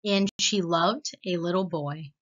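A woman hosts a read-aloud of a children's storybook, narrating in an expressive, deliberate way with a fairly low pitch. The sound is slightly muffled.

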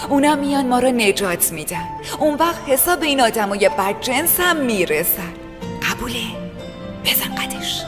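A young woman coaxes a frightened child with make-believe. Her pitch leaps and bounces playfully. The room rings with reverb and loud music. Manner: playful, coaxing, childlike storytelling. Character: young woman calming a kidnapped child with a game. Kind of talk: dubbed TV drama.

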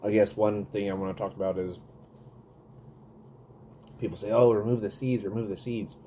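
Low-voiced man chatting while eating. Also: level tone, normal speed, dark tone, slight background noise. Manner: chatty, eating while talking, smacking and humming. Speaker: food reviewer. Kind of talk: casual food review vlog. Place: small room indoors. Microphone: webcam at desk.

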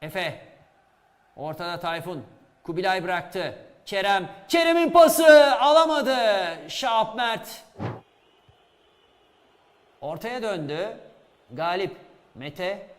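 A man giving excitable live play-by-play commentary on a football match. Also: sits high, slow, pauses often. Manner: excitable, shouts at goals and chances. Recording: reverberant hall sound.

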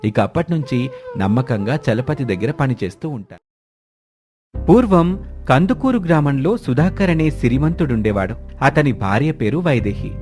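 Male storybook narrator, mid pitch, steady and clear, faint music bed. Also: normal speed.

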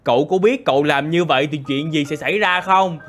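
A man's voice: a little high, brisk, fairly bright tone, soft background music, natural voice. A man voicing an angry, gossipy male game villager who scolds and orders people around. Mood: angry scolding. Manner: scolding, bossy.

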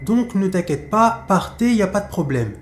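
A man's voice: sits high, lively intonation, moderate pace, reverberant. A man as a stubborn troubled husband. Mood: resigned. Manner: puzzled, then stubborn and decisive.

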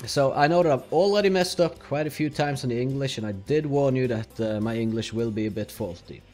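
A young Norwegian man hosts a let's play, commenting on his gameplay in English as a second language with a Norwegian accent. His medium-pitched voice is a little fast, and he explains step by step in a relaxed way with fillers while soft music plays in the background.

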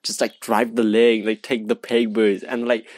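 A young man telling a rambling, excited storytime vlog, with lots of fillers. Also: fairly low pitch, moderate pace, no echo. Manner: excited, rambling, heavy use of "like". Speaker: vlogger.

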